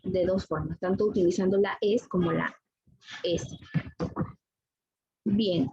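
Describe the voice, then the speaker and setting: A woman teacher giving an online grammar lesson, explaining patiently step by step and often checking with a quick question. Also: lowish voice, steady tone, dark tone, slightly rough. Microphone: computer mic on a video call. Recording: slightly dull video-call audio with faint noise.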